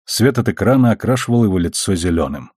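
Low, husky male audiobook narrator. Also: animated, fast, darkish tone, no room sound, clean studio sound. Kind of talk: scripted narration.

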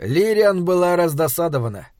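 A man reading a fantasy audiobook in a measured storytelling manner. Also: fairly high pitch, very animated, darkish tone, no echo, clean studio sound. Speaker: audiobook narrator. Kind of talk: scripted narration.

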